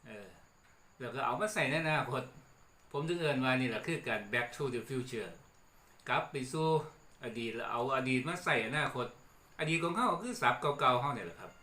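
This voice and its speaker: A middle-aged man with an Isan accent, hosting a relaxed lesson on old regional words and chuckling between points. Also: medium pitch, moderate pace. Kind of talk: casual explanatory talk. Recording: echoey room with faint background noise.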